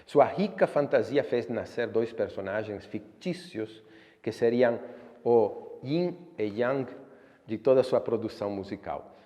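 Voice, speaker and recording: A man giving a music history lecture as a violinist, reading a scripted narration in a measured, expressive way. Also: medium pitch. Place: room at home for an online class. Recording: long reverb, dull lo-fi sound.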